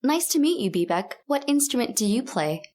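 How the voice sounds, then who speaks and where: Lively, inquisitive woman interviewer. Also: on the high side, a little fast. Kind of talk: scripted textbook audio interview.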